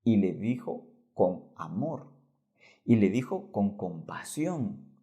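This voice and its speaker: Gravelly low-voiced preacher. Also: male voice, sing-song, slow pace, lo-fi sound. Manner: swings between loud emphasis and hushed softness. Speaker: pastor. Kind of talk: Bible lesson sermon.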